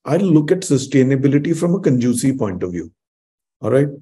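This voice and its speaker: Man, Indian English accent, panel host, emphatic, repeats phrases, mellow tone. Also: medium pitch, big pitch swings, brisk. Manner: emphatic, repeats himself, switches into Hindi. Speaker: host and moderator. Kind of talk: panel discussion.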